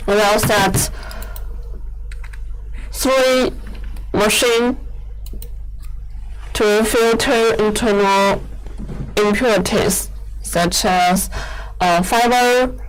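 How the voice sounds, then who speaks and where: Very slow-spoken woman demonstrating machinery. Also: medium pitch, steady tone, slight background noise, poor audio. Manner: halting, hesitant phrasing with repeated words; non-fluent, simple English. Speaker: equipment company presenter giving a machine demo. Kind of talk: live product demonstration, explanatory.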